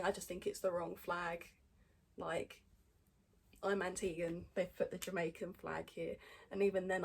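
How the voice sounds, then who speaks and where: A woman's voice: on the low side, vocal fry, a little mellow, husky. A woman chatting casually as a podcast host, blunt and sweary with sarcastic asides. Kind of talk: casual chat reading out fan messages.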